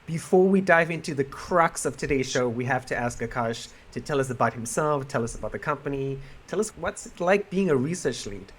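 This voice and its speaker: A man's voice: mid-range voice, expressive, a little fast, few pauses. A man hosting a podcast, introducing his guest in a friendly, upbeat way before asking questions. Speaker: podcast host.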